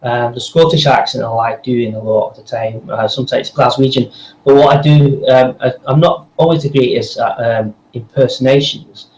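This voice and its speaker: A man's voice: mid-range voice, steady tone, normal speed, a little mellow, roomy sound, low-quality recording. A man, a voice actor and podcast guest, chatting enthusiastically and rambling with many fillers. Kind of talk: casual interview chat.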